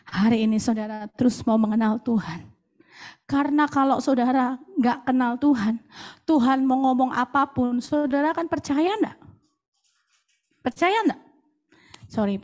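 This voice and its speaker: A middle-aged woman pastor, preaching a sermon in a lively way, swinging between loud calls and soft whispers. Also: on the high side.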